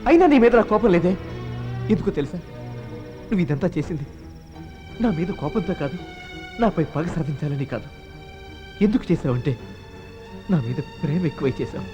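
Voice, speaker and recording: A man's voice: very high-pitched, full character voice. An actor in a dubbed film playing a lovesick young man who pleads emotionally with the woman he loves. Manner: pleading, emotional, soft then pleading. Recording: film soundtrack with music.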